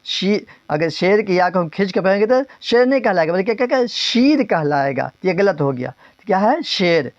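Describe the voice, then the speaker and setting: A man's voice: high voice, expressive, no echo, lo-fi sound. Man drilling a grammar lesson. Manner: drills terms, asks and repeats answers; stretches words slowly, then speeds up. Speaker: teacher.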